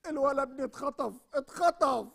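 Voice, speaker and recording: A man's voice: very high voice, fairly quick, creaky, a bit bright, heavily acted. A man with an Egyptian accent playing a grieving father who keeps wailing and repeating himself in a comedy sketch. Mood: sobbing. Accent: Egyptian Arabic. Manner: sobbing, repeats the same word. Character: grieving father wailing over his kidnapped son.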